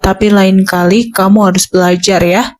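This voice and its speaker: A woman playing a teasing, gentle mother in an amateur voice drama dub. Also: mid-range voice, little pitch movement, normal speed, slight background noise.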